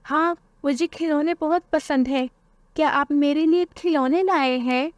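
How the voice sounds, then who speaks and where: Woman doing a high eager little bird boy. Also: measured pace, dry recording. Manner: eager, whiny when scared.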